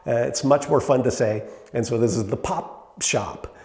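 A middle-aged man preaching a sermon in a relaxed, conversational way, with fillers and rhetorical questions to the congregation. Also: medium pitch, measured pace. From Canada. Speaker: pastor. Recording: echoey hall with long reverb.

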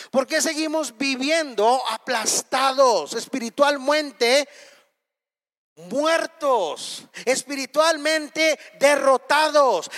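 A man's voice: very high-pitched, a bit bright, long reverb tail. A man preaching a sermon with impassioned, emphatic repetition and rhetorical questions.

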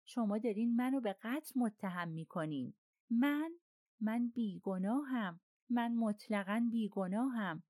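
A woman's voice: darkish tone, no room sound, studio quality, natural voice. A woman voicing a frightened male train conductor who protests his innocence in a raised, insistent voice. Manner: protesting, high-strung and insistent.

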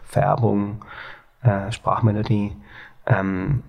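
A man's voice: fairly low pitch, level tone, drawn-out words, vocal fry, highs cut off. A man from Baden-Baden with a Baden accent, speaking hesitantly with many fillers as a guest in an interview. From Baden-Baden, Germany. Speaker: guest, exhibition founder. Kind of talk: reflective interview talk.

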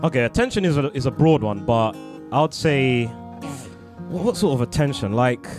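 A young man with a London roadman accent and slang, chatting casually as a podcast co-host, excitable and agreeable, often repeating his phrases. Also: mid-range voice, moderate pace, music in the background. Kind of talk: casual chat.

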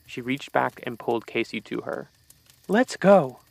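Gravelly man narrating a horror story. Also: mid-range voice, no echo, rough recording. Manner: steady, measured storytelling.

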